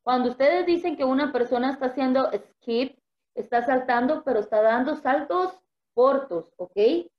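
A woman teaching English online, repeating each vocabulary word slowly so the students can echo it, heard over a video call. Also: sits high. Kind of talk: online vocabulary lesson, bilingual. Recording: dull lo-fi video-call audio.

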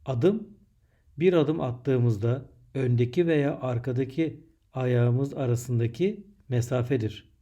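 A man with a very dark, muted voice at a middling pitch teaches young pupils from a script. He speaks like a teacher dictating, setting out short, measured phrases one at a time. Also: lo-fi sound. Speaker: primary school teacher.

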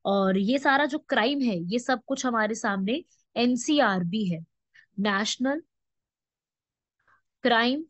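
A woman's voice: a little high, dry recording. A woman teaching a current affairs lesson for exam students, explaining step by step and asking rhetorical questions. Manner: explanatory, with frequent rhetorical questions and check-ins. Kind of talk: exam-prep lecture. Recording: dull, dry lo-fi.

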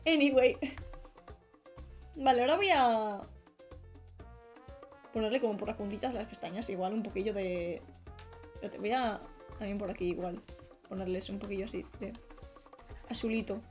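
A woman's voice: medium pitch, moderate pace, pauses often, a little mellow. A young woman streamer chatting casually while she draws, rambling and trailing off as she works. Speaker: streamer and illustrator. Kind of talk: casual live-stream chat while drawing. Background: faint background music.

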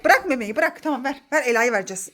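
A woman's voice: high-pitched, animated, fast talker, pushed and bright. A woman narrating a casual family vlog at home as a mother filming her children, playful and exclaiming, often laughing.

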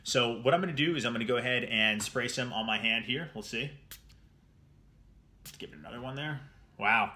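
A young man from New Jersey, sitting in a small room at home, gives a casual fragrance review straight to camera, enthusiastic and rambling and repeating words. His voice is medium-pitched, pushed and bright, a little fast with long pauses.

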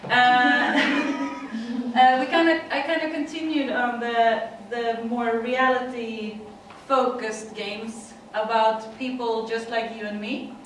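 This middle-aged Swedish woman presents at a conference in English with a Swedish accent, chatty and laughing, with lots of fillers. Her fairly high, slightly bright voice keeps a level tone at a slow pace, with a little hiss or hum. She's recorded from far off on a room mic in a dim, echoey conference room.

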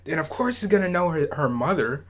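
Man, reaction host, slightly husky, rambling and chuckling. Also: on the high side, very animated, brisk. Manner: laughs often, trails off with "I don't know". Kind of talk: casual rambling commentary.

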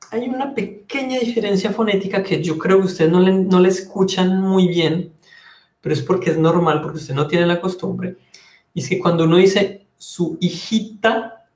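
A man with a Colombian Spanish accent teaching a French lesson, patiently explaining and repeating phrases slowly. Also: high voice, darkish tone, roomy sound. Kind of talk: online language lesson.

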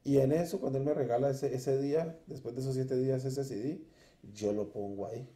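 A man's voice: medium pitch, a little fast, mellow, roomy sound. A man sharing his personal conversion testimony in a church interview, telling it earnestly and acting out his past self.

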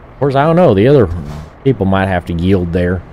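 A deep-voiced man commentating a trucking game, sounding tired and drowsy. He rambles on with constant "uh" and "um", drifting into talking to himself. A steady hum of game engine noise runs under his voice. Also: a little fast. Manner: rambling, full of "uh" and "um", talks to himself. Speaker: gaming streamer. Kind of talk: casual gameplay commentary.

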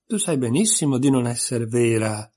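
A man's voice: mid-range voice, lively intonation, moderate pace, warm tone, natural voice. A man reading aloud and voicing a pompous, quarrelsome little twin who speaks with open contempt. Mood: contemptuous. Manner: contemptuous, emphatic.

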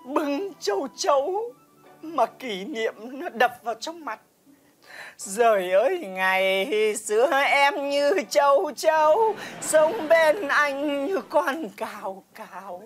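A woman playing a brash, loud-mouthed village woman with a Northern Vietnamese accent, in a stage comedy sketch. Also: animated, takes it slowly, faint music behind. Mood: sentimental. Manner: theatrical, swings from sweet to shrill cursing.

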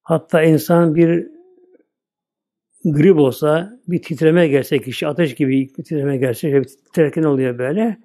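An older male preacher talks through a religious lesson in a loose, conversational way, circling back over the same phrases. His voice sits a little high and sounds soft and mellow. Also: moderate pace. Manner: plain conversational preaching, repeats "böyle". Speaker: Islamic preacher. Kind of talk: religious sermon talk.

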